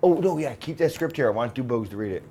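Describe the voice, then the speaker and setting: A man in casual chat, tipsy and defensive, speaking in hesitant, halting bits. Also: medium pitch, lively intonation, warm tone, a little hiss or hum. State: drunk.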